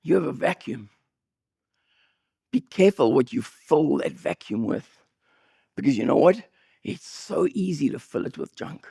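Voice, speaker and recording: A man preaching a sermon as pastor, with an accent, telling humorous stories with sudden high bursts of emphasis. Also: a little slow, pauses often, no room sound, clean studio sound. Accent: non-local accent. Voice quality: gravelly, husky voice. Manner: animated, jokey storytelling with sudden high bursts.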